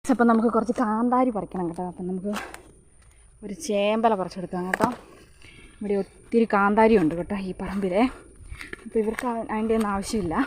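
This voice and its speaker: A woman's voice: mid-range voice, slight background noise. A woman talking casually to her viewers while walking outdoors on a rural plantation, recorded on a handheld phone. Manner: chatty, addresses viewers often. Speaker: vlogger. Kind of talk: casual walk-and-talk vlog.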